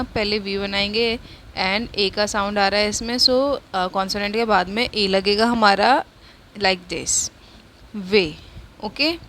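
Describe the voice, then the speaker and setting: A woman teaching a shorthand lesson, slowly repeating each word several times and mixing Hindi with English. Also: medium pitch, fairly bright tone, slight background noise. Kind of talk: step-by-step spoken lesson.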